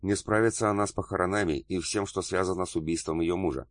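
Audiobook: male reader doing a composed young woman lawyer, even, flat, low, dry. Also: fast, dry recording, lightly acted. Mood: level. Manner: level, flat.

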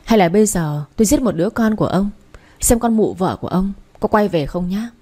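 A commanding young father in an audio story, read by a woman, protective and quick to anger. His voice sits mellow and soft-edged in the telling, close and intimate. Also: high-pitched, expressive. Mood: furious. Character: wealthy young father, fierce when crossed.

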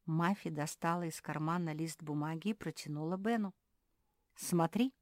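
A woman reading a children's story aloud in a calm, even storytelling voice, slightly low-pitched. The recording is dry and close, with no room sound. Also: brisk, no room sound. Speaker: audiobook narrator. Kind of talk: children's audiobook narration.

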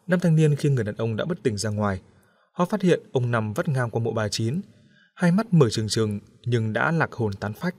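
A man narrating an audiobook story in a steady, even storytelling manner. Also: mid-range voice.

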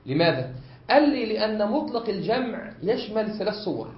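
A man with an Egyptian accent, a sheikh teaching a study circle, explaining step by step, often pausing on drawn-out fillers and checking that his students follow. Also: sits high, big pitch swings. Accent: Egyptian Arabic. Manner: frequent drawn-out hesitation fillers. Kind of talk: classroom lesson. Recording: echoey room, dull lo-fi sound.

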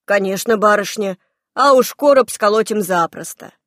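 A woman's voice: medium pitch, normal speed, fairly bright tone, dry recording, studio quality, lightly acted. A woman voicing a simple, obliging male peasant servant who speaks plainly and deferentially. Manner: plain, deferential, folksy speech.

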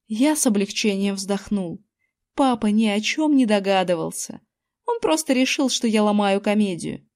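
A woman narrating a children's book aloud in the first person, expressive and lively. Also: mid-range voice, moderate pace. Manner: expressive, acting out a boy's first-person story. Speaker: audiobook narrator. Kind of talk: scripted narration.

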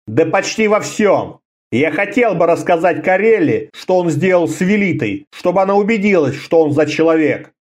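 A man voicing a proud young barbarian warrior who speaks calmly and tersely. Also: fairly high pitch, normal speed. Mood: cool. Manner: calm, terse.

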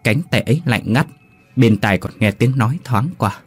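A man narrating a first-person ghost story in a scripted, expressive reading. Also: mid-range voice, normal speed, slightly rough.

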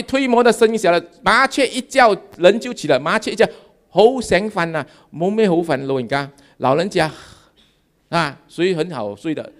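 Pastor in his 50s, sermon bits, voice jumps up and down a lot, jokey the crowd. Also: a little high. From Malaysia.

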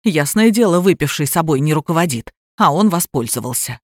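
A woman voicing a quarrelsome middle-aged mother who drinks, shrill and accusing, in a storybook reading. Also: animated, brisk, dry recording, studio quality. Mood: scolding.

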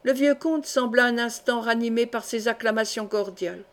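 A woman reading a historical novel aloud as an audiobook, in a measured, steady way. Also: on the high side. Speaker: audiobook reader.

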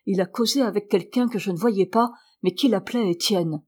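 A woman's voice: mid-range voice, brisk, darkish tone, husky, lightly acted. A woman reading the part of a frightened, feverish old male servant with a trembling, quavering voice.

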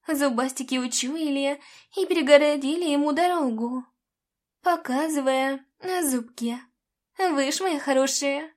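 A woman narrating a first-person fantasy audiobook in a calm, measured way. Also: high-pitched.

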